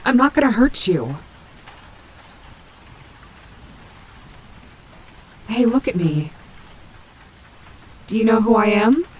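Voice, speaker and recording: A woman's voice: fairly high pitch, low-quality recording. A woman playing a female animatronic wolf in an audio roleplay, vain and sassy but protective and maternal, talking casually. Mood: gentle, reassuring. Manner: sassy, casual, swearing, muttering asides to herself. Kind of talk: character audio roleplay, speaking to listener. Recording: heavy rain and thunder noise behind. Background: rainstorm sound effects.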